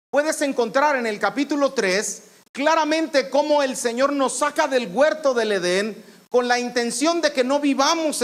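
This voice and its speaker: A man's voice: very high-pitched, fairly bright tone. A man, a pastor preaching a sermon in church, explaining scripture and repeating phrases for emphasis. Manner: teaching, explains scripture, repeats phrases, calls out commands with authority.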